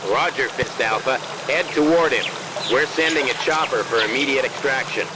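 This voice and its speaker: A man's voice: medium pitch, moderate pace. An actor playing a male base radio operator in a war game, heard over a military field radio with clipped, formal radio procedure. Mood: steady. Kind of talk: war game cutscene dialogue. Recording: loud static over a radio link.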